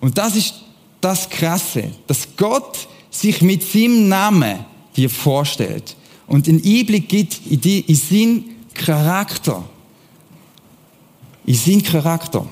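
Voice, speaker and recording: A man preaching a lively sermon, often asking his listeners questions. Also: high-pitched, takes it slowly. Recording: long hall reverb.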